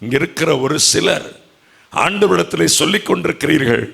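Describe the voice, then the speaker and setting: Gravelly, lively preacher man. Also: brisk. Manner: emotional preaching, swinging from loud cries to hushed low lines. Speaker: pastor. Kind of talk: sermon. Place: church convention hall.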